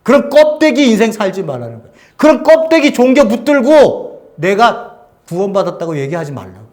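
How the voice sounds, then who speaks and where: Male pastor preaching, high voice, jumps from loud to almost whispering, keeps asking the church questions. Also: sing-song, fairly quick. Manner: swings between loud exhortation and hushed near-whispers; asks the congregation rhetorical questions. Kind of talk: sermon.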